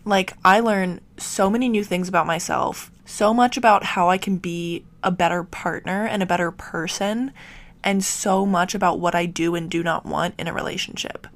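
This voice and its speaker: Young female podcast host, low-ish gravelly voice, nasal from a cold, chatty and loose with ums. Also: fairly even intonation, normal speed. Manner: chatty, frequent ums and small laughs. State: slightly sick, nasal. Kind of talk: casual solo podcast Q&A.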